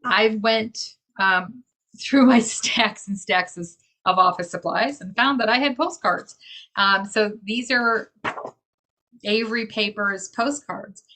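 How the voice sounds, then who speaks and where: Bright, gushing woman organizer. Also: medium pitch, slow pace. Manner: enthusiastic and gushing. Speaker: crypto community organizer.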